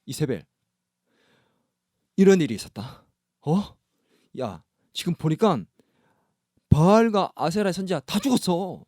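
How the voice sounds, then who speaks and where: Brief: a preacher voicing a shaken, hurried king explaining bad news, slightly raised, lively pitch. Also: no room sound, studio quality. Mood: anxious. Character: shaken king reporting to his queen.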